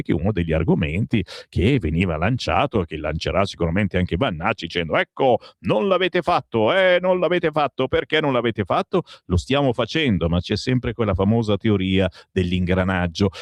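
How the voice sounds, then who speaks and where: A man's voice: mid-range voice, no echo, studio quality. Sarcastic radio press-review man. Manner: sarcastic asides between read headlines. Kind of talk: opinionated press review reading.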